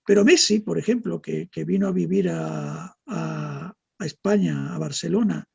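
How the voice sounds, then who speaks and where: Gravelly high-voiced Argentine man, muffled. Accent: Argentine, softened by decades in Spain. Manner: measured, explains with frequent tag questions. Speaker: guest neurologist. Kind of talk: explanatory interview talk. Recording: dull, muffled audio.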